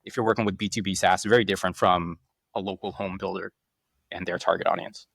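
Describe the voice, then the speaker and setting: Male podcast guest, lowish voice, candid and playful, dry close recording. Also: fairly even intonation, fast, gravelly, fairly bright tone, dry recording. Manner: candid, playful, laughs often. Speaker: podcast guest, content marketer. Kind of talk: casual interview chat.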